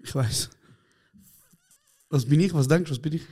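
A man's voice: a little high, normal speed, warm tone. Playful, provocative man co-hosting. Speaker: podcast co-host. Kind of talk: casual chat.

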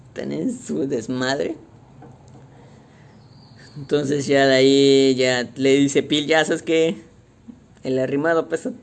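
A young man with a Mexican accent, casually recapping a movie in slangy, animated talk and acting out the quotes. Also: a little high, gravelly, slight background noise. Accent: Mexican Spanish.

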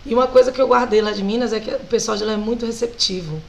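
A Brazilian woman singer with a Brazilian Portuguese accent, animated and laughing often as she tells stories as a guest in a casual interview. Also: fairly high pitch, quick pace, creaky, poor audio.

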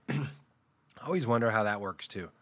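A man's voice: fairly low pitch, expressive, moderate pace, fairly bright tone. A man co-hosting a podcast in casual chat, thinking aloud and musing over questions.

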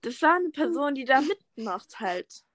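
A woman's voice: high-pitched, very animated, measured pace, a bit bright. A teenage girl chatting casually with a friend, slangy and trailing off mid-thought. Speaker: podcast co-host. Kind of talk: casual chat between friends.

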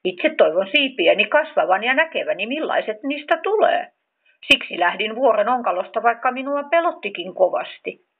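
A woman voicing a kind young storybook creature who gently encourages and questions a friend. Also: fairly high pitch, big pitch swings, slightly rough, full character voice. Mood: encouraging. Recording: tinny phone-like sound.

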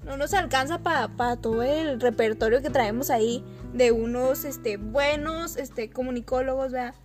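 A woman's voice: high-pitched, normal speed, music in the background. A young woman with a Mexican accent co-hosting a podcast, chatting casually in a teasing, giggly way. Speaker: podcast co-host. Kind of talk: casual chat.

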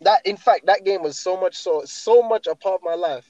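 Young male, London roadman accent, emphatic slangy chat, higher-pitched, dull lo-fi sound. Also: normal speed, a little mellow, no room sound. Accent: London, urban roadman slang style. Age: young adult. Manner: slangy, emphatic, repeats phrases. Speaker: guest talking through favourite games. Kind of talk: casual chat.

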